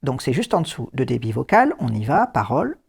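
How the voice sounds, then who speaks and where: A man's voice: medium pitch, a little fast, creaky, background noise. Man casually walking through a tutorial. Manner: relaxed explainer with fillers and dry asides. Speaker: host. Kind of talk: casual screen-reader tutorial.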